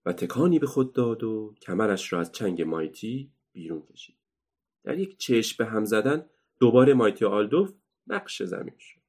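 A man narrating a children's storybook in a steady, measured reading voice. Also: on the low side, husky.

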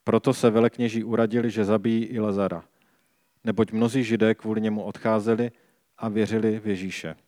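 A man reading a Bible passage aloud and reflecting on it in a calm, measured way. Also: fairly low pitch, no echo, clean studio sound. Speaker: scripture reader and preacher.

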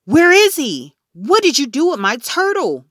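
A frantic young boy with a high, jumpy voice, urgent and close to yelling, as a woman reads him aloud. The voice swings widely, and the recording is dry and close. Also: expressive, slow, no echo. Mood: alarmed. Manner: urgent, rising to yells. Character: anxious boy of about nine, the storyteller.

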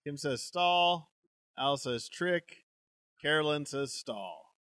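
A man's voice: fairly high pitch, animated, slow, fairly bright tone, no room sound, clean studio sound. Laughing man reading a gamebook aloud. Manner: reads with frequent laughs. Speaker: podcast co-host reading a gamebook. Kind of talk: live reading aloud with banter.

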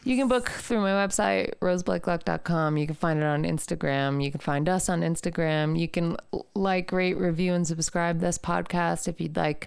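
A low-voiced woman with a gravelly edge chats loosely as a podcast co-host, dry and joking. Her voice sits close and dead, with no room around it. She talks like a friend handing out tongue-in-cheek advice. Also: steady tone, moderate pace, no echo. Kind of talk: casual chat.

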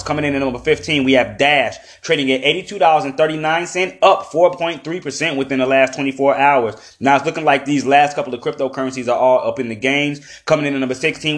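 A man's voice: mid-range voice, fairly even intonation, fast talker, hardly any pauses, fairly bright tone. Man hosting a top ten style countdown. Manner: repetitive announcer-like list delivery; informal, addresses listeners as family. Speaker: podcast host. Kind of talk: top ten countdown, reading out ranked list.

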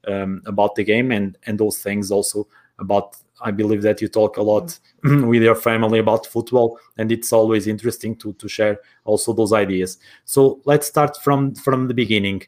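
A man's voice: lowish voice, flat delivery, moderate pace, a little mellow. A man with a Portuguese accent conducting a conversational interview in his second language, with long rambling lead-ins to his questions.

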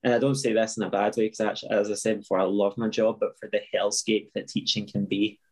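Young scottish teacher guy, low voice, pretty flat delivery, chatty and frank. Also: fast, poor audio. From Scotland. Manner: frank, self-deprecating, many restarts. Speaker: teacher, interview guest. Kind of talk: casual interview talk.

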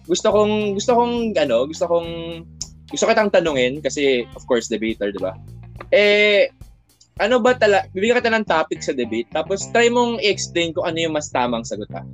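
Give me a playful young male host quizzing friends, voice a bit high, light background music. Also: sing-song, fairly quick. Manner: playful, teasing quizmaster. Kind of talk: casual student podcast chat in Taglish.

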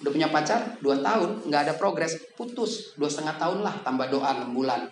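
A man preaching a lively, joking sermon to young people in a casual manner, with sudden loud bursts. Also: fairly high pitch, fairly quick. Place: church hall. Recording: echoey hall with background noise.

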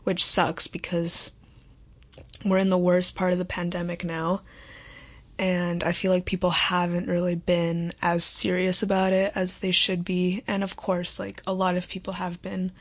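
A woman's voice: lowish voice, monotone, measured pace, dull audio. A young woman hosting her own podcast, chatting casually and rambling with lots of "like" and "um". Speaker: podcast host. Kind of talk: casual late-night solo podcast chat.

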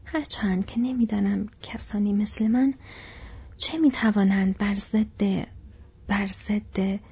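A woman voicing a fat, fretful, easily frightened male innkeeper in a breathy whisper, as whispered role-play in a storybook reading. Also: fairly high pitch, expressive, dark tone, lo-fi sound, full character voice.

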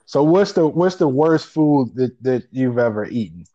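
A man's voice: medium pitch, animated, normal speed, dark tone, dull audio. A man co-hosting a podcast, chatting casually in a teasing way. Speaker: podcast co-host. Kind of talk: casual banter.

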